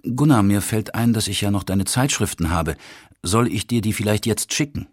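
A man voicing a former lover who speaks quietly and almost tenderly. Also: on the low side, normal speed, dry recording, clean studio sound, close to an everyday voice. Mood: soft. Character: gentle woman, former lover, soft-spoken.

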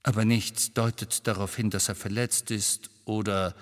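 A man reading an audiobook, voicing a restless grown man in hiding who reassures briskly with a bitter edge. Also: lowish voice, little pitch movement, long reverb tail, lightly acted. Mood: tense, bitter.

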